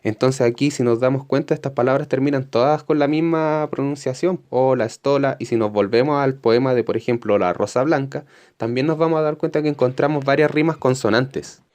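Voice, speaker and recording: A man's voice: mid-range voice, fairly quick, darkish tone. Patient Chilean male teacher explaining. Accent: Chilean Spanish. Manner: patient, explanatory, reads textbook passages aloud. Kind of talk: recorded online lesson for fifth graders.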